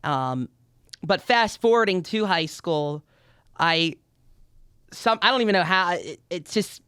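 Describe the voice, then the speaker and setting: A young adult man, guesting on a podcast in a university studio, chats casually in an upbeat, outgoing way and restarts often. His voice sits high and sounds expressive, unhurried, pushed, bright and smooth, with no echo.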